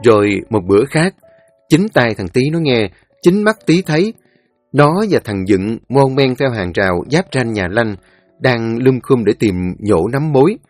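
Animated male storyteller, dry sound. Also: mid-range voice, unhurried, no room sound, faint music behind. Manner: lively, colloquial, animated. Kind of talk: spoken folk story narration.

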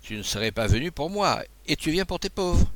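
A man reading the part of an excitable, kindly abbé who stammers and pleads in a flustered way. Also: a little high, fairly quick, no room sound, pitched above the performer's own voice. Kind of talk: audiobook dialogue.

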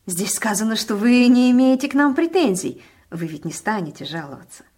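A woman voicing a fat, fawning male official who speaks in a shrill, ingratiating, pleading way. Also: animated, brisk, a little mellow.

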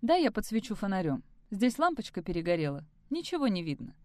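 A woman's voice: mid-range voice, very animated, brisk, no room sound, close to an everyday voice. Woman reading a tense, jealous Italian man in his forties, clipped lines, close and dry. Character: jealous 40-year-old Italian man, mother's boy.

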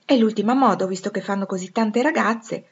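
A woman's voice: medium pitch, fairly quick, breathy edge, pitched above the performer's own voice. A self-assured little girl from a storybook, as a woman reader puts her on, reassuring and matter-of-fact. The sound is dull and lo-fi.

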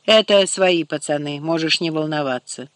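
A man's voice: a little high, normal speed, a bit bright, clean tone, dry recording, natural voice. A man reading a curt, slangy tough guy. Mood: reassuring. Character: brisk gangster-like young man, blunt and busy.

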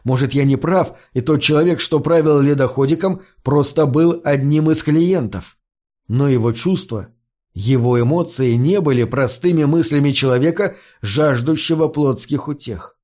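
A man narrating a first-person fantasy audiobook in a measured, somber storytelling manner. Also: fairly high pitch, a little mellow.

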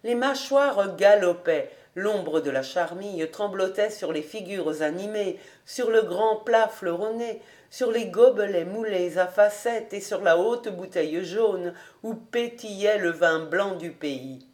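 A woman reading a classic novel aloud as an audiobook narrator, with an expressive delivery. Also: medium pitch, unhurried, few pauses. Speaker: audiobook reader.

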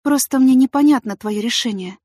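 A woman's voice: high-pitched, brisk, dark tone, no echo, studio quality, pitched above the performer's own voice. A woman reading an audiobook, voicing a fragile pregnant woman who speaks in an emotional, pleading way. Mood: upset.

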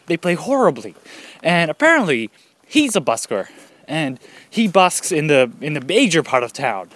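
A man's voice: on the high side, big pitch swings, normal speed, a bit bright. A man casually telling a rambling story outdoors, laughing often and slightly out of breath. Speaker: vlogger. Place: outdoors, birds nearby.

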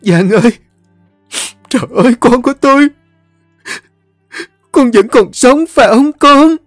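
A man voicing an emotional older mother, pleading in a high, raised voice. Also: lively intonation, measured pace, a little mellow, no room sound, clean studio sound, faint music behind. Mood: tearful.

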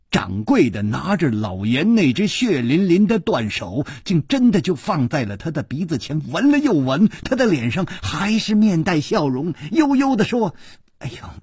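Man, audiobook storyteller, husky breathy voice, wide-ranging pitch, dry studio sound. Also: dry recording. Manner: expressive, drawn-out storytelling with whispered asides. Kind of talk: dramatic audiobook narration.

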